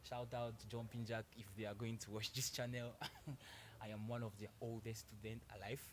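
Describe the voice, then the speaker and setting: A man's voice: lowish voice, flat delivery, moderate pace, slight background noise. A young man from Cameroon, a guest talking casually in an interview, polite, laughing often and restarting his sentences.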